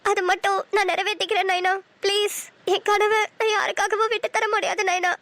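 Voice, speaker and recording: A woman's voice: very high-pitched, flat delivery, fairly quick, fairly bright tone, dry recording. A woman voicing a sweet, affectionate young woman in a cartoon. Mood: pleading. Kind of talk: Tamil cartoon dubbing.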